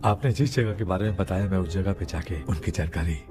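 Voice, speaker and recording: A man in a Hindi dub, playing a serious investigator who talks in a measured, thoughtful way. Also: deep voice, lightly acted. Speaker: ghost investigator. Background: music.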